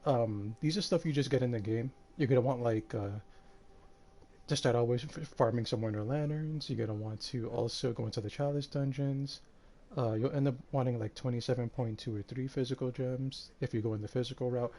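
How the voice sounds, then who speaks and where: Tired and slightly breathless, a man provides casual commentary while live-streaming a game. His medium-pitched voice moves fairly quickly, relaxed and rambling, full of fillers.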